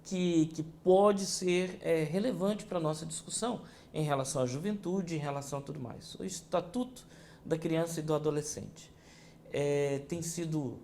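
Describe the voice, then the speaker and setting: A man's voice: a little high, normal speed, vocal fry, a little mellow, slight background noise. A man in his fifties hosting an interview, asking questions in a conversational way and often starting with a hesitant "é". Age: 50s. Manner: conversational, leading with filler "é". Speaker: TV interview host.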